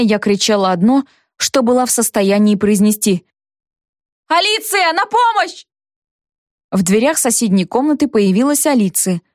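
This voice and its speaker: A woman narrating a first-person audiobook in a lively, expressive storytelling manner. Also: medium pitch, no room sound, clean studio sound.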